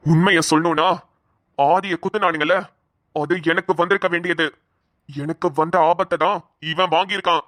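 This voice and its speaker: A man's voice: a little high, fairly even intonation, moderate pace, long pauses, fairly bright tone, dry recording, clean studio sound, natural voice. A man voicing a stern young husband who bluntly warns his wife to stop. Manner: blunt, warning tone. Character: stern young husband, gruff and protective of brother.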